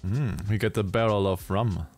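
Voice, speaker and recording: A man casually commentating a game live, giggly and halting with frequent ums. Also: on the low side, a little mellow, faint music behind. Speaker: streamer.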